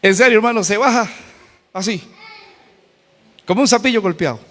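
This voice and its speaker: A man's voice: high voice, normal speed, fairly bright tone. A male pastor with a Costa Rican accent preaching a sermon, colloquial and humorous with emphatic storytelling. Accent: Costa Rican Spanish. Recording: church hall with long reverb.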